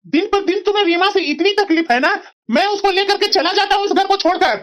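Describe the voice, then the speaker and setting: A woman's voice: extremely high pitch, brisk, fairly bright tone. A woman voicing an exasperated grown son and husband in a cartoon drama, reproachful and questioning. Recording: dull lo-fi audio.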